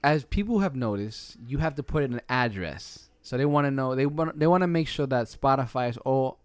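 A man with an average-pitched voice hosts a casual chat. He talks in loose, slangy, bro-like phrases, and the recording is close and dry. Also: expressive, fairly quick, clear, resonant tone, dry recording. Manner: slangy, colloquial, bro-like banter. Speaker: podcast host.

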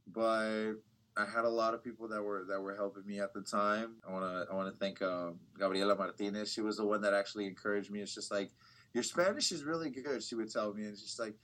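A young American man, a bilingual TV reporter appearing as a guest, talks casually in an interview about his reporting work. His fairly low voice is relaxed and unhurried, and his answers ramble, circling back with fillers and false starts. The recording is rough.

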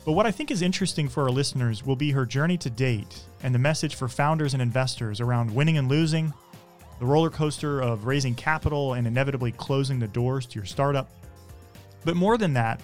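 A man hosts a podcast and speaks at an average pitch. He reads a scripted intro, then interviews in a measured, friendly way. Faint music plays behind him. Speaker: podcast host.

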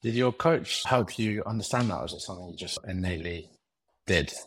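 A man hosting a podcast, asking questions in a relaxed, informal way and swearing casually. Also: sits low, brisk, slight background noise. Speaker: podcast host.

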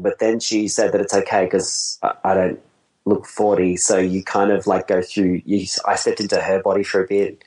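Heard on a low-quality recording, a man with a low, darkish voice talks casually. He's a wedding photographer in his forties whose conversation rambles, with plenty of self-deprecation and easy laughter.

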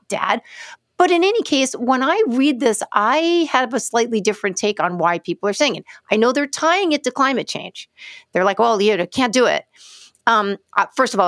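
A woman's voice: fairly high pitch, no echo, clean studio sound. A woman co-hosting a podcast, chatting casually and telling stories, acting out the voices of people she quotes. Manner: animated storyteller, acts out quoted speech. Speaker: podcast co-host. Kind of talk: casual conversation.

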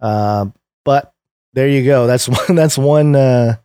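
A man's voice: mid-range voice, slow pace, warm tone, smooth, dry recording, studio quality. Laughing man reading news in chat. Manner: laughs often, reads news aloud. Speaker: podcast co-host. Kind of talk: casual political chat.

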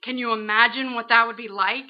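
Woman playing a high-voiced, sharp-tongued lady doctor. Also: steady tone, a little fast, dull audio, natural voice. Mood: dry, composed. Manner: no-nonsense, drily scolding. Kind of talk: noir fantasy audio drama.

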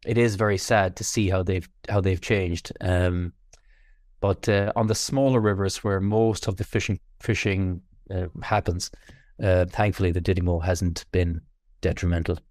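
A man with a west of Ireland accent chatting casually in an interview, halting and repeating words as he thinks. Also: low voice, steady tone, darkish tone, dry recording, studio quality. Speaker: fly fishing guest.

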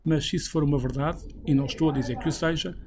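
Podcast host guy reading his script, fast, kinda high voice, noisy background. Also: fairly even intonation, darkish tone. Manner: measured, read from a script.

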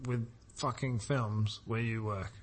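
A man's voice: lowish voice, fairly even intonation, takes it slowly, slight background noise. A man co-hosting a podcast in casual chat, dry and sarcastic, laughing at his own jokes. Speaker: podcast co-host.

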